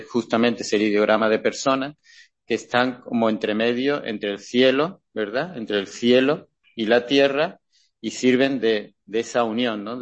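A man giving a classroom lecture over slides, talking haltingly with many restarts and checking questions to the audience. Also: mid-range voice.

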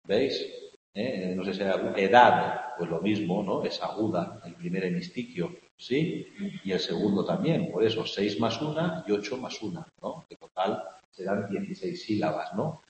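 Spanish teacher lecturing in an echoey room. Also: male voice, sits low, lively intonation, normal speed. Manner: keeps asking "¿no?" to check on the class; chants vowels loudly when scanning verse. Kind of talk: classroom lecture on poetic meter. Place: classroom. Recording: echoey hall with faint hiss, mic far off.

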